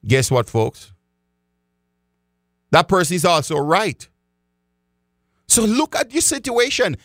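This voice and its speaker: In a clean studio recording with no echo, a man with a high, pushed, bright voice addresses his audience directly as a financial educator. He speaks emphatically, repeats key phrases and calls his listeners folks.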